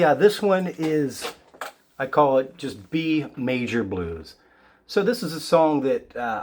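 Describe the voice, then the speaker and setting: A man with a raspy, sick voice, giving a casual guitar lesson in a relaxed, halting way with many fillers. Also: mid-range voice. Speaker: guitar teacher. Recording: loud guitar playing behind the voice.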